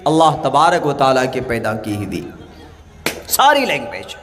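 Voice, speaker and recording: A man from India preaching a religious talk, telling stories with acted dialogue and speaking slow, deliberate English phrases. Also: medium pitch, wildly swooping pitch, long reverb tail, a little hiss or hum. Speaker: Islamic preacher. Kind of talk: public religious speech.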